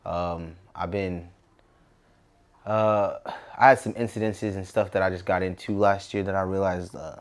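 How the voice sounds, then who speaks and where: A Southern California man in his twenties, speaking with an American accent, is an interview guest talking in a casual, reflective way. He has a low-pitched voice with little pitch movement and an unhurried delivery.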